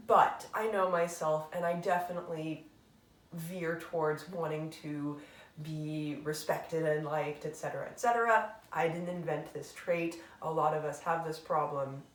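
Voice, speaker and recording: Her voice is low and far from the mic, with a roomy echo, as this booktube host chats casually through a tag. She reflects, rambles with fillers, and pokes fun at herself.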